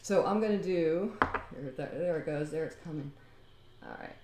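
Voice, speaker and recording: A woman's voice: low voice, normal speed, reverberant, background noise. A woman chatting casually at home, rambling and laughing as she demonstrates a homemade recipe. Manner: rambling and talkative, often laughing. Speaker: home DIY vlogger.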